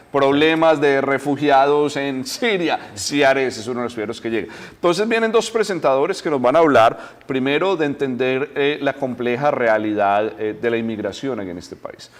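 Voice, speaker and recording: A man speaks as a guest in a conversational TV interview. He explains earnestly, restarting phrases and filling gaps with "eh". His voice sits at an ordinary middle pitch. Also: moderate pace. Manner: earnest, explanatory, with frequent "eh" and repeated words. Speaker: diocesan delegate, guest.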